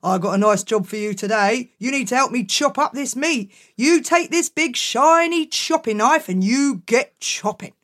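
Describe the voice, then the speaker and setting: A woman voicing a gruff, friendly male butcher giving out work. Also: fairly high pitch, lively intonation, moderate pace, hardly any pauses, a bit bright.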